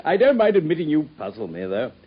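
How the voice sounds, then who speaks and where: An actor playing a friendly, curious army doctor in a radio play, genial and amiable, on a dull lo-fi broadcast recording. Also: male voice, fairly high pitch, big pitch swings, slightly rough. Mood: puzzled. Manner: genial, amiable, quick to laugh. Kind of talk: 1950s-style BBC radio drama acting.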